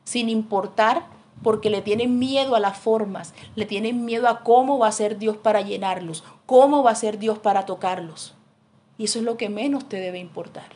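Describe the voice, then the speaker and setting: A woman's voice: mid-range voice, moderate pace. A middle-aged woman preaching a sermon, telling stories and acting out the voices of the people in them. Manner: animated storytelling, acting out voices in quotes.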